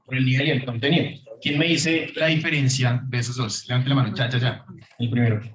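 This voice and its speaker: A man's voice: medium pitch, steady tone, a little fast, crowd noise. A man teaching a classroom lecture that also goes out over Zoom, his voice ringing with heavy echo from a large room; easygoing and filler-heavy, he keeps quizzing the class. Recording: echoey room sound.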